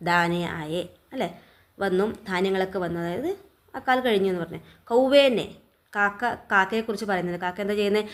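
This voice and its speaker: A woman teacher from Kerala giving an exam revision lesson. She reads lines slowly, asks her students questions, then answers them herself. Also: medium pitch.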